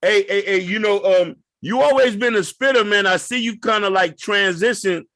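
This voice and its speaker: A middle-aged man hosts a casual interview, easing into his questions with loose, slangy talk. His voice sits a little on the high side for a man and sounds dry and close to the mic. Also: no room sound. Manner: relaxed, drawn-out slangy delivery. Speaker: radio show host.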